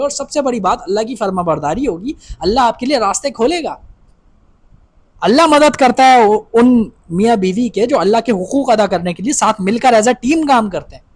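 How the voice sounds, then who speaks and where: A man giving an instructive advice talk to wives, dropping English phrases into his speech and often asking "right?" to check in. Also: high voice. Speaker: marriage advice speaker.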